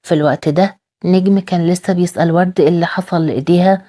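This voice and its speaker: A woman narrates a drama recap in an Egyptian Arabic accent. Her voice sits a little low and has a soft, mellow tone. She keeps a steady, even storytelling pace. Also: rapid-fire. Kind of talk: retelling a TV episode with quoted dialogue.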